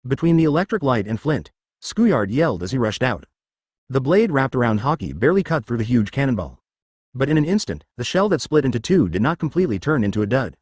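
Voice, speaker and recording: A man reading fan fiction aloud as a steady scripted narration. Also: medium pitch, brisk, slightly rough, no room sound, studio quality.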